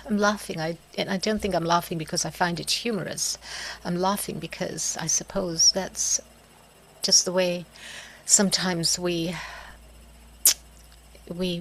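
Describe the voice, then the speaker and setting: A middle-aged woman speaking in a halting, reflective way, pausing often and letting out soft laughs and sighs. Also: on the low side, vocal fry, rough recording. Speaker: host of a reflective video series. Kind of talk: slow personal reflection.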